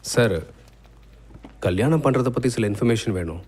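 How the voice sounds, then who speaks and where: An actor dubbing an intense, forceful man who is determined to find his missing sister. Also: mid-range voice, normal speed, natural voice. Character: fierce, protective man searching for his sister. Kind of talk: dubbed film acting.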